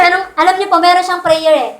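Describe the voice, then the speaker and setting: A woman's voice: very high voice, steady tone, fairly quick, a bit bright, slight background noise. A woman preaching a Sunday sermon in a conversational way, often asking her listeners to agree and mixing English phrases into her talk. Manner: mixes English phrases into Tagalog. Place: church. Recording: echoey church hall.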